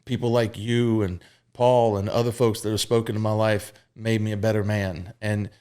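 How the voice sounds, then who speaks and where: A man in his thirties from Mississippi talks openly about his past on a podcast. His voice sits fairly low, and his speech is loose and unguarded, full of fillers and the occasional profanity. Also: flat delivery, moderate pace, darkish tone, clear, resonant tone. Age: 30s. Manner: frank and open, peppered with fillers and profanity. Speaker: podcast guest. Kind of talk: candid conversational storytelling.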